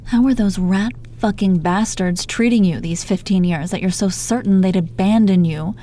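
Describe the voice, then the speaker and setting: In an intimate roleplay audio drama, a woman plays a teasing, protective supervillain in her thirties who swears freely yet coaxes, piling on pet names in a fond, probing mood. Her voice is medium-pitched and mellow at a moderate pace, lightly acted, with noticeable background noise.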